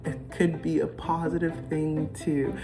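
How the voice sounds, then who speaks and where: With a deep voice that barely moves in pitch, a young woman from the United States talks to camera a little slowly. Her vlog is casual and reflective, rambling along with many ums and false starts. Music plays in the background.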